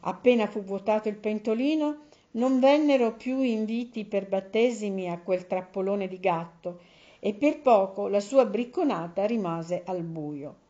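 A woman reading a storybook fable aloud at a calm, measured pace. Her pitch is in the middle range for a woman, and the recording is slightly dull and lo-fi. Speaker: narrator.

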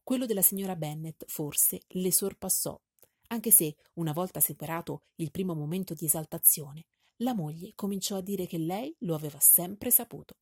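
A woman narrating a classic novel in a measured, even storytelling voice. Her tone is low and mellow, with a faintly husky grain. The recording is dry and close, like a studio audiobook. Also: dry recording. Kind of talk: scripted literary narration.

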